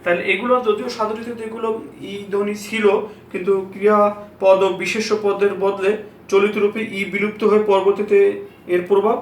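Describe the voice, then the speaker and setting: A man teaching pronunciation, repeating example words slowly and asking rhetorical questions. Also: high voice, level tone, slight background noise. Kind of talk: Bengali pronunciation lesson. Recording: echoey room, mic at a distance, faint ambience.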